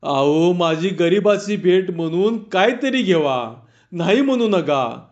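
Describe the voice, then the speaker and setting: A man's voice: high-pitched, lively intonation, takes it slowly, lo-fi sound, heavily acted. A man doing a humble pleading village man. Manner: rustic village speech, coaxing.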